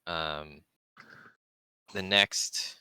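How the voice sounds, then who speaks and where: A man playing a tabletop role-playing game in casual chat, laughing often and halting with many fillers. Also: deep voice, steady tone, bright, forceful tone, clean tone, dry recording.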